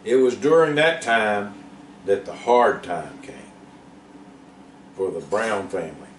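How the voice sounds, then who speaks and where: A steady, encouraging old work animal who urges his young partner on, as a storyteller voices him. The delivery is slow and even, close to the teller's own voice, in a roomy space from a little distance. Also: lowish voice, a little hiss or hum. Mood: calm. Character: older male work animal, patient steady mentor. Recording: roomy, distant, faint background.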